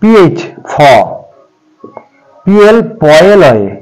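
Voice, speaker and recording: Lively man teaching pronunciation. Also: high-pitched, soft background music, low-quality recording. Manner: patient, addresses viewers as friends, repeats examples slowly. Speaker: English teacher. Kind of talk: pronunciation lesson for beginners.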